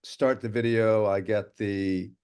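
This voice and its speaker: A man joining a public panel over a video call, speaking haltingly with repeated restarts. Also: on the low side, fairly even intonation, a little mellow, clear, resonant tone. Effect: heard over a video call. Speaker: panel guest joining remotely. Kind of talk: casual remote chat.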